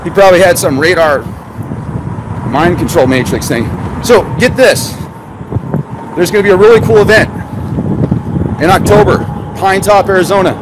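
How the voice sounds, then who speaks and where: A man's voice: sits high, normal speed, long pauses. A man live-streaming outdoors by a road, rambling through sarcastic rhetorical questions as a conspiracy vlogger. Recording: noisy outdoor phone audio with traffic and wind. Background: traffic and wind.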